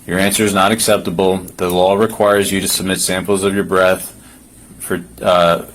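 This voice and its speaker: A man with a fairly low voice speaks as a police officer. He reads formal legal wording in an insistent, procedural way, with faint noise on the body camera recording. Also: little pitch movement, moderate pace, fairly bright tone. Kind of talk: formal reading of a legal form, firm instructions.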